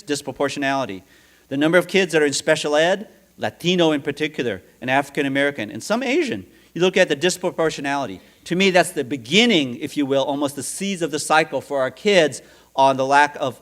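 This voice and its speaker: A middle-aged man presenting at a seminar, his voice sitting a touch high for a man. He talks in a halting way, restarting phrases and throwing questions out to the audience. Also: fairly bright tone. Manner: halting, repeats words, asks the audience questions. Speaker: seminar speaker. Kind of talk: conference talk. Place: seminar room.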